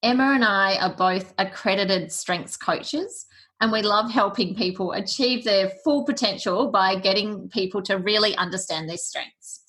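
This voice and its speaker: A woman's voice: medium pitch, a little slow, fairly bright tone. A woman hosting a careers podcast, introducing her guest and guiding the talk with friendly questions. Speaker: podcast host and career coach. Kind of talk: podcast interview.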